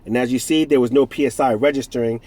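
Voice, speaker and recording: A man from the United States, in his forties and congested with a cold, talks fast about a product in a casual, rambling review full of self-corrections and jokes. His mid-range voice has fairly even intonation, and the recording is very noisy.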